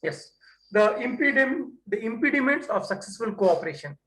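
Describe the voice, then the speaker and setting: A man's voice: very high-pitched, lively intonation, normal speed, a bit bright, roomy sound, low-quality recording. A man lecturing a class, often restarting and repeating "what you call".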